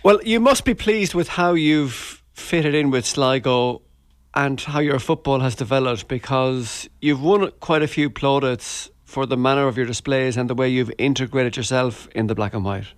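Irish man, podcast sports interviewer, mid-pitched voice, conversational delivery, dry recording. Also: moderate pace, dry recording.

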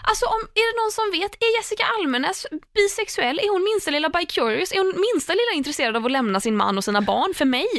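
High-voiced woman telling a story. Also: hardly any pauses, no echo, studio quality. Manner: animated storyteller, many fillers and restarts. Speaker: podcast host. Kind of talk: casual chat, storytelling.

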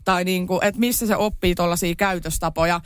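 A woman's voice: on the low side, steady tone, clear, resonant tone, no room sound. Thoughtful, hesitant woman co-host. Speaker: podcast co-host. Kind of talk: casual chat.

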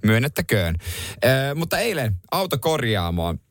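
A man chats on a morning radio show, spinning a story with lively swings in pitch and jumping up high for the punchlines. The studio sound is close and dry. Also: no room sound. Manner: animated storytelling, swings pitch up when retelling. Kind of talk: casual radio chat. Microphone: studio microphone.

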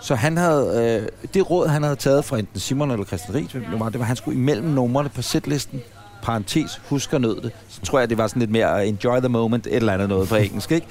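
A man chatting casually on a podcast recorded in a café, telling a long, rambling anecdote. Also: medium pitch. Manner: rambling, animated anecdote-teller. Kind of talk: casual storytelling chat.

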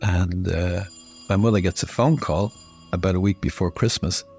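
A man from Ireland with a Dublin accent, telling a family story in a casual, lively way and acting out the people he quotes. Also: deep voice, normal speed, faint music behind. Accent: Dublin Irish. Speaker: storyteller guest.

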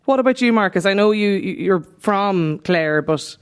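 A woman's voice: mid-range voice, expressive, moderate pace, clean tone. A woman with an Irish accent, interviewing guests conversationally as a radio host.

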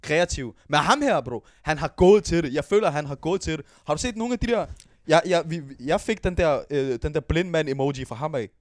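A young man co-hosting a podcast, chatting casually in slangy street Danish and telling animated work stories. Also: fairly high pitch, few pauses, no echo, studio quality. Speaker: podcast co-host. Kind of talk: casual chat.

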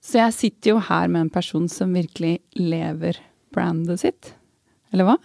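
A woman interviewer asking lively, teasing questions in a conversational interview. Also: lowish voice, creaky, no echo, clean studio sound.

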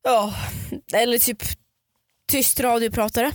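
A chatty woman co-hosting a podcast, with a voice pitched a little high. She teases her co-host and reads listener questions aloud. The sound is dry and close, with no room in it. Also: steady tone, no echo. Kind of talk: casual chat.

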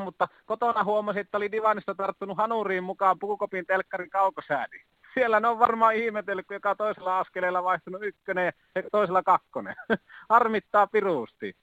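A man playing a chirpy high-voiced gym guy calling in, bright and rambly, dry. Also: no room sound. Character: chirpy young male gym-goer caller. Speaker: caller.

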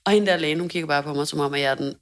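A young woman with a low voice tells a story on a casual chat show. She is animated, swears freely and acts out what people said, sometimes loudly. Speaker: podcast co-host.

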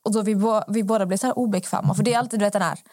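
A woman's voice: medium pitch, no echo, studio quality. A woman podcast host, telling stories in casual chat and acting out the people in them. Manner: animated, acts out the people in her stories.

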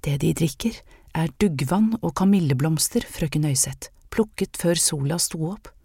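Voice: mid-range voice, expressive, creaky, dark tone, husky, no room sound, studio quality. A narrator voicing Anne, an anxious young maid with a secret healing gift, speaking earnestly and hesitantly in an audiobook. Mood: confiding. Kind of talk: audiobook character reading.

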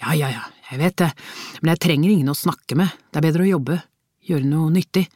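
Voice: mid-range voice, a little mellow, no echo, studio quality, natural voice. A reader voicing a curt, grieving father. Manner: curt, clipped replies. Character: grieving father, tense and short-tempered. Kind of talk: audiobook character reading.

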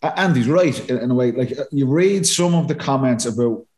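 A man with an Irish accent co-hosting a casual, opinionated discussion, halting and repeating words for emphasis. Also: mid-range voice, a little mellow. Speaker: podcast host. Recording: roomy echo on the voice.

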